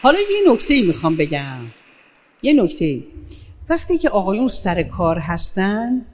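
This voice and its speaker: A woman speaking as a guest on family life, giving advice in an animated way and acting out short quoted exchanges. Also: mid-range voice. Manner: animated, acts out little quoted dialogues. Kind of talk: lively advice talk on a stage. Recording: long hall reverb.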